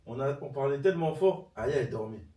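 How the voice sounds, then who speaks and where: A young man, chatting excitably as co-host of a storytelling vlog. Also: mid-range voice, fairly quick. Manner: slangy, excitable. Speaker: partner co-hosting the vlog. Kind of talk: casual storytelling chat. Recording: echoey room, off-mic.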